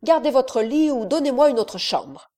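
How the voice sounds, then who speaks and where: A woman's voice: sits high, expressive, moderate pace, warm tone, voice pushed up. A woman reading as a bold, curious nobleman. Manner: eager, emphatic, courteous. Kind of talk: audiobook character reading.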